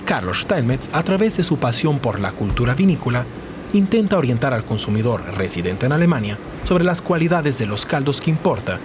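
A man's voice: medium pitch, sing-song, brisk, background noise. A man reading scripted voice-over narration for a TV report.

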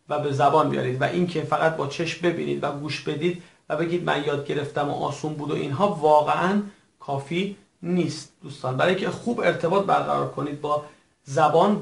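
A man teaching a recorded language lesson in a formal, patient way, repeating each word slowly for his learners. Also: on the high side, creaky. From Iran. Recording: echoey room.

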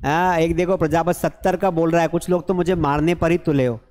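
A young man teaches a chatty live online English lesson from a classroom with a blackboard, speaking through a headset mic. His voice is on the high side and a little fast, and he is animated, mixing Hindi and English and joking with viewers.

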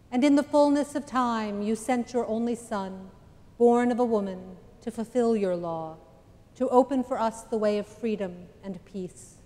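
A middle-aged woman priest leading a liturgical prayer at the altar, measured and solemn with deliberate pauses. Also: on the high side, a little mellow. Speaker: priest celebrant. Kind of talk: chanted-spoken liturgical prayer. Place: large stone church, indoors. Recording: long church reverb.

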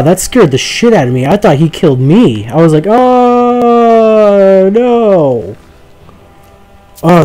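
Young guy doing a let's play, mellow warm voice, rambly and jokey, gets startled easy. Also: mid-range voice. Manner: chatty, jokey, talks to the viewers, easily startled. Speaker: gaming commentator. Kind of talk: casual let's play commentary.

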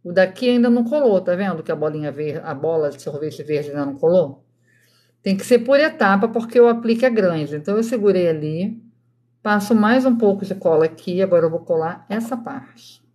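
A woman's voice: on the low side, animated, fairly quick, darkish tone. A Brazilian woman in her thirties chats casually through a craft live stream from home at night. She talks straight to her viewers and keeps her voice down so the sleeping children stay asleep. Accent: Brazilian Portuguese. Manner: chatty, addresses viewers directly, keeps voice down for sleeping kids.

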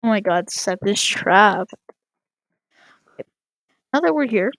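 A woman giving excitable live gameplay commentary, reading game prompts aloud and calling out to other players. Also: medium pitch, slow pace, dry recording, rough recording. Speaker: gaming channel host.

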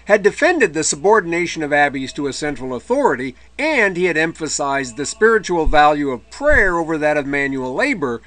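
A man's voice: on the high side, big pitch swings, brisk, hardly any pauses, a bit bright. Man lecturing with dry asides. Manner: conversational asides, dry humor. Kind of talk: recorded history lecture.

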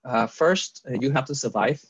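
A Vietnamese man with a husky, medium-pitched voice speaks at a moderate pace in a Vietnamese accent. As an interview guest on a video call, he earnestly shares his personal story, with plenty of fillers and restarts. He's in an indoor room with a virtual background, picked up by a webcam mic, and the audio is dull and lo-fi.

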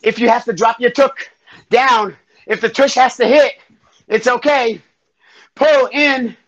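A high-pitched man coaching a live workout at full energy, counting down and cheering people through each round. He sounds winded from exercising along. The audio is a bit dull and muffled, like a livestream. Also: unhurried. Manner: energetic, calls out counts and encouragement; breathing hard while exercising. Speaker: fitness instructor. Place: home workout space.

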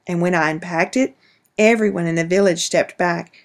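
A woman voicing a devoted mother in a storybook, speaking gently. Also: lowish voice, steady tone, moderate pace, lightly acted. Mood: fond. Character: warm devoted mother telling family stories.

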